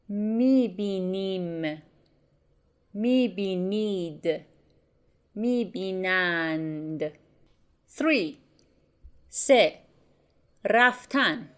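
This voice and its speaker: Female language teacher, mid-pitched, slow clear enunciation for a lesson. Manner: slow, careful enunciation of example words. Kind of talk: bilingual grammar lesson.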